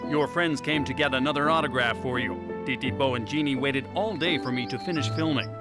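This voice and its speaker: A man's voice: mid-range voice, brisk, close to an everyday voice. A man voicing a confident, friendly superhero celebrity in a children's cartoon, with a reassuring manner and music behind. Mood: confident, kindly. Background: loud music.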